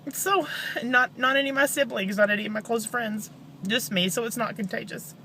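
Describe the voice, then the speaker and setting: Woman, bright tense voice, halting grieving confessional, downcast, faint background noise. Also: on the high side. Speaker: vlogger, bereaved mother. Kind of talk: personal confessional vlog.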